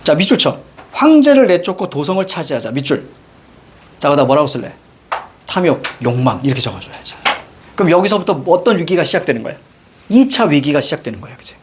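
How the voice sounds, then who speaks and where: A male teacher giving a brisk literature lecture, directing students and firing quick questions at them. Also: on the high side, very animated, a little hiss or hum. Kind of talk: classroom lecture.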